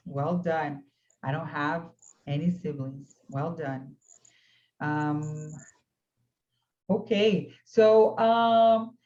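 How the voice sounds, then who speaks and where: A woman's voice: mid-range voice, a little mellow, dull audio. A woman from Brazil teaching an online English class, patiently and encouragingly modelling words for her students over a video call.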